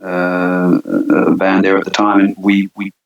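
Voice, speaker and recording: A deep, gravelly man talks loosely as an interview guest, circling through fillers and restarts. The sound comes through a muffled, lo-fi remote line. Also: completely flat delivery, moderate pace. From Switzerland and Australia. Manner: rambling, many fillers and restarts. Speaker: band singer, guest. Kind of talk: casual interview chat.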